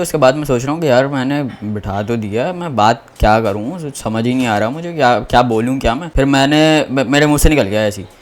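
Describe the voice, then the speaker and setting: A young man telling a comic story about himself in a rambling, self-mocking way with many restarts. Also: mid-range voice. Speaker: comedian.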